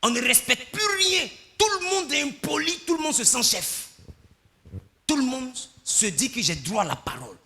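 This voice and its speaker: A male pastor preaches with great animation. His voice sits high and very bright, leaping up and down in pitch as he drops to near-murmurs and then bursts into shouts. He acts out quick exchanges between people to make his point. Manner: animated preaching, swinging from quiet asides to shouts. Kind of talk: sermon.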